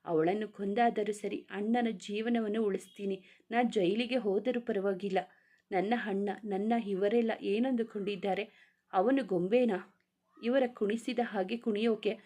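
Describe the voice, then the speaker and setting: Read by a woman, a young wife in a family storybook tale speaks earnestly and indignantly. She is emotional and fiercely protective of her brother. Her pitch sits in an ordinary middle range. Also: fairly even intonation, a little slow, mellow, close to an everyday voice.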